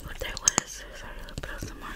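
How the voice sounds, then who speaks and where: A woman doing a whispered role-play in a breathy, close-up ASMR whisper with tingly mouth sounds, rambling gently and apologetically. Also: fast. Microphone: close-up microphone.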